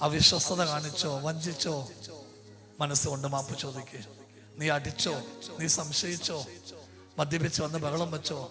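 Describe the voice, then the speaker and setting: Fervent high-voiced male prayer leader. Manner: fervent, commanding, repeats instructions to the congregation. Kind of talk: emotional prayer-service preaching. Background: music.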